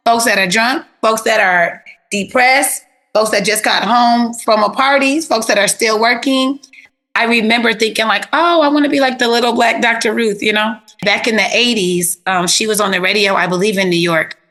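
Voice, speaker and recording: A woman therapist talks through stories in a relaxed interview with a bright, forward voice. She is animated and chatty, leaning on easy slang, and her pitch sits in an ordinary middle range. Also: normal speed. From South Florida. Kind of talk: casual interview storytelling.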